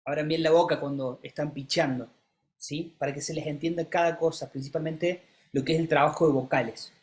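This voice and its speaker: A speaking coach, teaching a live masterclass and calling on students by name, who keeps changing pitch and pace to show what is meant. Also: steady tone, fairly quick. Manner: demonstrative, shifts pitch and pace to illustrate; coaxing, calls on students by name.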